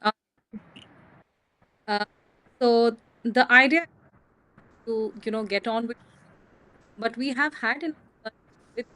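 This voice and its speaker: A woman panelist answering haltingly over a remote conference call whose audio keeps cutting out. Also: on the high side, bright, forceful tone, low-quality recording. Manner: hesitant, halting, with many fillers.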